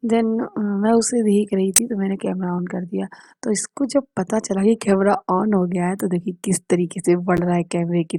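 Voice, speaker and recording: A woman's voice: medium pitch, dark tone. Chatty woman vlogging at home. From India. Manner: chatty, talks straight to viewers. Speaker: family vlogger. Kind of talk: casual vlog narration. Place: at home indoors.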